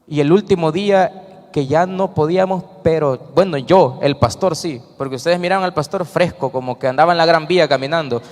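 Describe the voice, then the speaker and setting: A man's voice: on the high side, brisk, darkish tone. A man with a Salvadoran accent giving an earnest personal testimony to a congregation, telling his story with acted-out quotes. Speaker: church member giving testimony. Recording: reverberant church hall.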